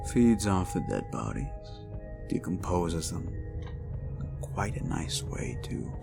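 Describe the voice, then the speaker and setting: In a horror roleplay audio, a man plays a hulking, sadistic slasher killer, gloating and menacing as he savours each pause and drops into whispers. His voice is deep, gravelly, and exaggerated.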